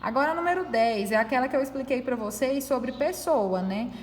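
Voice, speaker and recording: A woman teacher, high-pitched and animated at a normal speed, goes through a corrected test with students, explaining each answer step by step with patience and frequent tag questions. The recording has a little hiss or hum and the long reverb of an echoey room.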